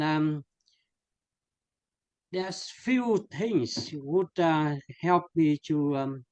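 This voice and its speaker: A man in his sixties with a Vietnamese accent, speaking as a priest guest in an earnest, halting interview, often pausing to search for words. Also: a little high, dry recording. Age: 60s. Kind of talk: conversational interview.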